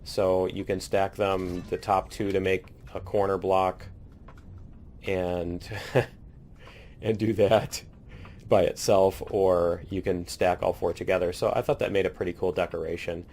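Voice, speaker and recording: A man chatting casually as he tours his base in a building game, rambling and laughing, a little hoarse and clearing his throat now and then. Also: deep voice, flat delivery, measured pace, a little mellow. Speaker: let's play host. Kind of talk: casual gameplay commentary.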